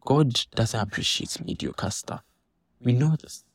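Commenting on a church dispute, a man speaks in an animated, indignant, casual way, restarting sentences frequently to work out his argument. His mid-range voice is slightly husky and a little slow. The audio is dry and close-miked, with no room ambience.

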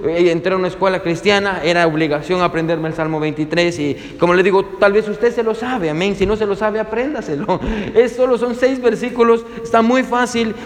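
Male pastor, sermon delivery, fervent with halting restarts, recorded in a reverberant church hall. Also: high voice. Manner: fervent, many restarts and filler sounds. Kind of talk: sermon with prayer and storytelling. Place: church service.

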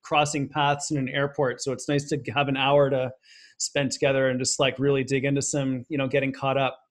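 A man's voice: medium pitch, completely flat delivery, a little fast. A man hosting a podcast, reading a guest introduction and then talking in an earnest, reflective way with plenty of fillers. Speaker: podcast host. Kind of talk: podcast intro and interview chat.

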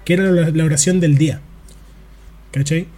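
A man's voice: a little high, fairly even intonation, moderate pace, dark tone. A young Chilean man telling rambling stories in casual podcast chat, full of slang. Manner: rambling storyteller, heavy slang. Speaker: podcast co-host.

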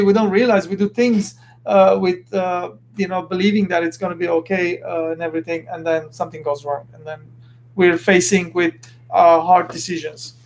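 In a high voice with a little hiss or hum in the background, a man from Lebanon hosts a podcast. He gives an earnest, casual motivational monologue, often starting over while reaching for words.

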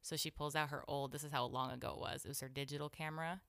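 Woman co-host, low and gravelly, animated storyteller who acts out quotes. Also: racing, no room sound. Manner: animated, acts out quotes with pitch jumps and whispers. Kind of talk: casual storytelling chat.

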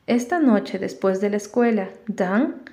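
Brief: woman playing a scornful storybook boy, calm and cold, mellow tone. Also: a little high, a little slow. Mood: coldly calm. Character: pale, proud boy, cold and disdainful.

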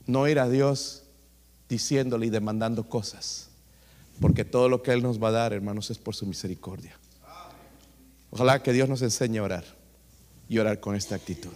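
A man's voice: fairly low pitch, moderate pace, long pauses. Preacher man, echoing church hall. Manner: animated storytelling preacher, repeatedly addressing the listeners as "hermanos". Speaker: pastor. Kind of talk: sermon. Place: church sanctuary.

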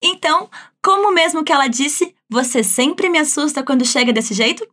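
Uma professora de francês com sotaque brasileiro, dando aula de um jeito animado, coloquial e encorajador. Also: female voice, high voice, normal speed, bright, forceful tone. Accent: Brazilian. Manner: upbeat, chatty, encouraging. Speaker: French teacher. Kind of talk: language lesson.

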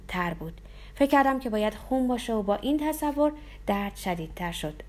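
A woman's voice: medium pitch, a little mellow. A woman narrating a tense first-person story as an audiobook reader.

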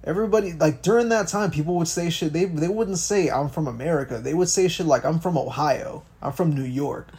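Dark-voiced young man ranting casually. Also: fairly high pitch, fairly quick, few pauses, slightly rough. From Miami, Florida. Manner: profane, ranting, thinks aloud with restarts. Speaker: podcast co-host. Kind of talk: casual political chat.

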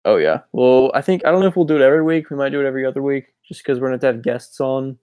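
A worn-out young man co-hosting a podcast late at night over a voice call. He talks in a low-key way, filling pauses with ums. His pitch is middling, and the audio is close and dry with no echo. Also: a little mellow, smooth. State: tired. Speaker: podcast co-host. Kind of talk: casual chat. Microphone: Discord voice call.

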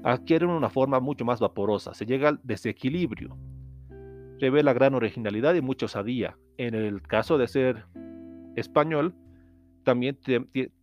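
Male host from Latin America, mid-pitched, steady explanatory lecture delivery, faint guitar bed underneath. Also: moderate pace, highs cut off. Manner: steady explanatory tone, occasional restarts. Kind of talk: educational lecture.

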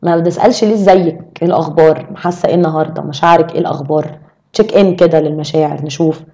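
A young woman with an Egyptian Arabic accent speaks quickly as a podcast guest. Her voice sits a little low and sounds dark and mellow. She talks in a casual, animated way and keeps reaching for examples. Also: highs cut off. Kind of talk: casual chat.

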